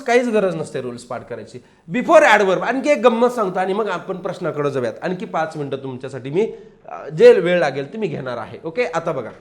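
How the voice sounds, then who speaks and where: High, lively male grammar teacher. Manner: lively, asks and answers his own questions; slows right down to read English example sentences. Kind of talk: classroom-style grammar lesson.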